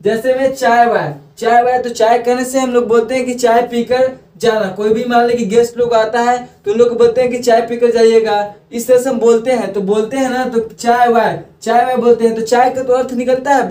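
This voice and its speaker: A man's voice: very high voice, a little mellow. A man explaining grammar in a loose, repetitive classroom manner, often restarting his sentences. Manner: repeats phrases, self-corrects often. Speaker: grammar teacher. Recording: echoey room, voice from far off the mic.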